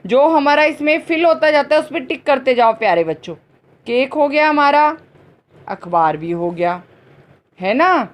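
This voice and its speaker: Slow, patient woman teaching children. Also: high voice. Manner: repeats each word slowly, asks and answers her own questions; drawn-out words, slow and patient. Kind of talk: slow, clearly spoken grammar lesson for children.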